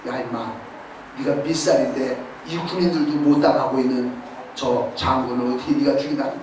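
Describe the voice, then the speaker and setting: A man's voice: mid-range voice, fairly even intonation, normal speed, voice pushed down, close to an everyday voice. A man acting out a skeptical older king who scolds a boy, in a sermon story. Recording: echoey hall, distant mic, faint hiss.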